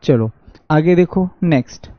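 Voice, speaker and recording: A man's voice: a little high, animated, dry recording. Haryanvi man teaching English online. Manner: reads English sentences slowly, asks and answers his own questions. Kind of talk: online exam-prep class. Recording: dull dry lo-fi audio.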